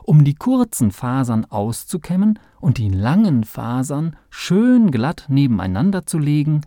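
A man's voice: a little high, very animated, unhurried, mellow, dry recording, clean studio sound, pitched above the performer's own voice. A man voicing a patient female professor in a storybook reading, explaining kindly.

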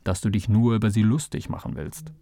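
A man playing a patient young assistant, lower and calm. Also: a little fast, vocal fry, no echo, studio quality. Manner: calm, gently explaining. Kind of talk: storybook read-aloud.

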